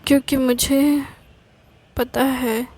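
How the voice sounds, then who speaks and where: A woman voicing a tender young woman who soothes her partner in a romantic audio story, speaking softly and haltingly. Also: high voice, level tone, heavily acted. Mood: affectionate. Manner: soft, coaxing, halting.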